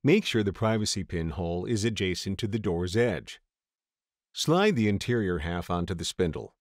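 Low, dry-voiced man narrating a how-to. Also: dry recording. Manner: steady, measured reading of steps. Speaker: tutorial narrator. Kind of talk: scripted instructional voice-over.

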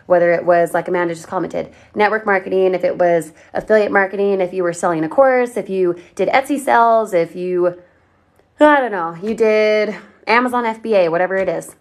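An upbeat woman hosting a casual livestream, speaking straight to her viewers. She pitches with energy and persuasion and answers questions from the chat as she goes. Her voice sits at an ordinary middle pitch for a woman. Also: fairly quick. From Colorado, USA. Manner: upbeat, persuasive, talks straight to viewers and reads their comments. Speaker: online marketing livestream host.

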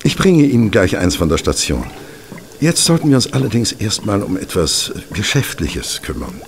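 A man's voice: fairly low pitch, big pitch swings, normal speed, creaky, slight background noise. A man acting in a German audio drama, playing an affable, dryly witty doctor with a conversational manner. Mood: businesslike, friendly.

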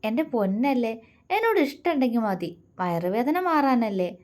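A woman's voice: fairly high pitch, big pitch swings, moderate pace. A woman voicing a tender, protective young man who coaxes and comforts his lover. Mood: coaxing. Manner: soft, affectionate, coaxing.

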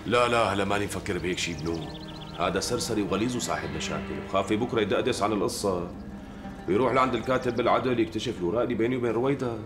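An actor playing a greedy, self-assured Damascene man in a TV period drama, brisk and wheedling. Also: on the low side, over music, lightly acted. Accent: Damascene Arabic. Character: greedy, sly Damascene man after his in-laws' land.

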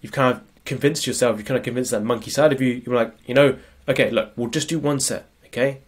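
A fast-talking productivity coach, medium-pitched with fairly even intonation, is sniffly from a cold. He runs a casual screen-share lecture on productivity, regularly checking in with "right?"

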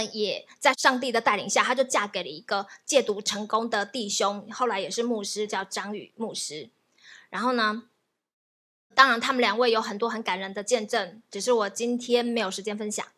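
A woman pastor telling a testimony in a sermon, laughing often as she tells it. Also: fairly high pitch. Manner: lively storytelling, laughs often.

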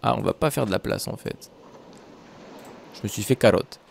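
A young man chatting excitedly to his viewers while commenting on his own gameplay. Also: fairly low pitch, normal speed, creaky, slight background noise. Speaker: gaming YouTuber. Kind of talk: Minecraft let's play commentary.

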